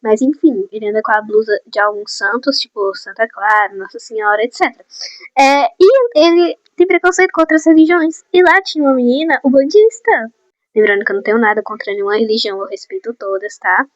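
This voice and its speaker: A teenage girl telling school gossip to her viewers in a chatty, animated way, on a phone mic in a small room. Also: on the high side, brisk, no echo, highs cut off. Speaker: vlogger. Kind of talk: casual gossip storytime. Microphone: phone or headset mic.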